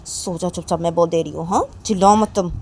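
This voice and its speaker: A woman's voice: on the low side, fairly even intonation, normal speed, a little mellow, slight background noise, close to an everyday voice. A woman voicing a stern young mother who scolds firmly and repeats her orders again and again. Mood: stern scolding.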